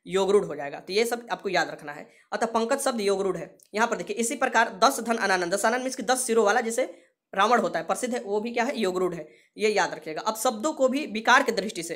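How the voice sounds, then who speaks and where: A woman's voice: mid-range voice, fairly bright tone. A woman teacher giving an exam-prep grammar lesson, repeating key terms and asking her students questions. She drops English words into her explanation.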